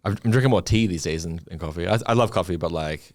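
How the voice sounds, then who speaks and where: A man's voice: deep voice, quick pace, no echo, clean studio sound. An Australian man talking casually as a podcast guest, rambling with lots of fillers and restarts. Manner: rambling, many likes and restarts, swears. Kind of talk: casual chat.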